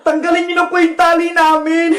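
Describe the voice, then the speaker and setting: A woman's voice: very high voice, monotone, a little fast, roomy sound, crowd noise. A woman voicing a frightened little schoolgirl who pleads and cries for help in a cartoon. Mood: pleading. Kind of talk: cartoon voice acting.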